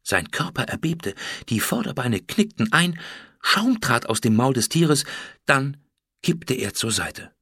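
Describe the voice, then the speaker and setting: A male audiobook narrator with a bright, somewhat husky voice, reading a children's adventure story at a steady, measured pace. The sound is close and dry. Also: medium pitch, no echo.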